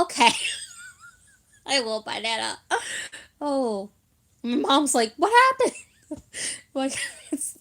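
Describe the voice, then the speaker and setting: Here a young woman with a fairly high, gravelly voice talks casually to her audience as a vlogger. She recounts childhood memories, giggling a lot and leaning on filler words as she goes.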